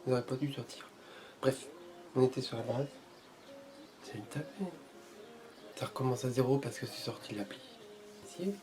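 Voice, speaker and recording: A man's voice: mid-range voice, moderate pace, pauses often, mellow. A man chatting casually in a vlog while learning Portuguese, playful and jokingly boastful, repeating foreign phrases as he tries them out.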